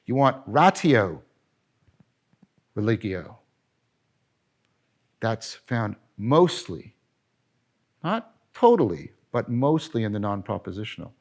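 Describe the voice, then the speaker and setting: Emphatic man lecturing on philosophy. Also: mid-range voice. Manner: animated, emphatic, frequent self-corrections and rhetorical questions.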